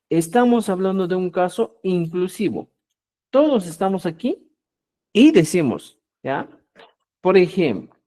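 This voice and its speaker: Man, language teacher, mellow dark tone, lively swings on examples. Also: a little high. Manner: addresses viewers as "estimados amigos", asks "¿ya?" often. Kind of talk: online grammar lesson.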